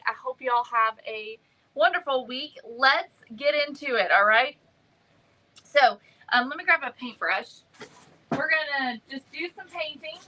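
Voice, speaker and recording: A woman hosting a casual craft livestream, greeting viewers by name and filling pauses with many ums. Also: high-pitched, pushed and bright, poor audio.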